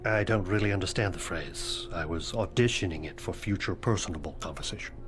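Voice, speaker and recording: Here the headmaster's ghost speaks a little fast in a voice that sits low, lightly acted by a man. The dead school head is formal, morbidly deadpan and wry, occasionally whispering, with cutscene music behind him in the video game.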